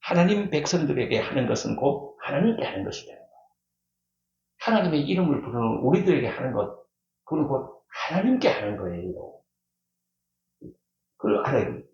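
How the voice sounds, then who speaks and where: Animated male pastor in an echoey church. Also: on the high side, fairly quick, pauses often. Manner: emphatic, repeats key words, asks the congregation questions. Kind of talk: sermon. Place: church sanctuary. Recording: echoey church hall, dull lo-fi sound.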